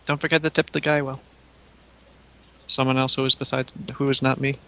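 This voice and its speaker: A man's voice: medium pitch, flat delivery, fairly quick, gravelly, sharp tone. A man playing a tabletop game, bantering in a wry, insistent way. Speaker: player.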